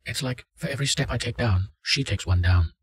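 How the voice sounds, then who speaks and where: A man's voice: mid-range voice, a little fast, husky, pitched above the performer's own voice, close to an everyday voice. A man voicing a terrified young woman test subject who pleads and panics. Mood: uneasy, scared.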